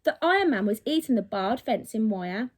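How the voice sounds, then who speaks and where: With a fairly high-pitched voice and a moderate pace, a woman reads aloud from a children's storybook. She shapes it dramatically, expressive and emphatic, the way a teacher tells a story to young pupils.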